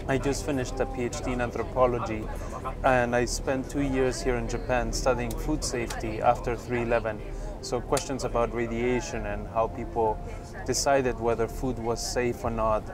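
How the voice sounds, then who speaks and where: A man's voice: medium pitch, flat delivery, normal speed, music in the background. A man in his thirties from Chile, a postdoctoral researcher, speaking thoughtfully with frequent fillers in an interview inside a moving tour bus.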